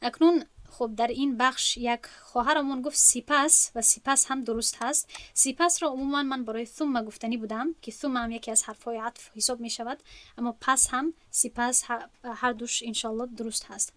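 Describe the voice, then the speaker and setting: A woman with a Tajik accent and a high, bright voice teaches a grammar class. She talks patiently, taking each point step by step and going back over the terms. The recording is dry and close, with no echo. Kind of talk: online lesson.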